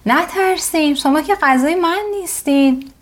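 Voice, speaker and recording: A woman voicing a gentle, brave koala in a children's bedtime story, speaking in a reassuring storybook voice. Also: high voice, voice pushed up, lightly acted. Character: gentle friendly koala, tree bear, brave.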